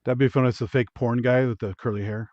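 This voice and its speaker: A man's voice: medium pitch, fairly even intonation, fast, a little mellow, dry recording. A man giving casual, critical film commentary as co-host of a watch-along, bluntly saying what he dislikes. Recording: dull lo-fi audio.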